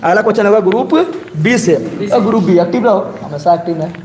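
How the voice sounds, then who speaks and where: A man's voice: high voice, a crowd in the background. Brief: man, quiz teacher who drags out each question. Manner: drawn-out slow question reading, frequent "ठीक है ना?". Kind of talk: live group discussion quiz class.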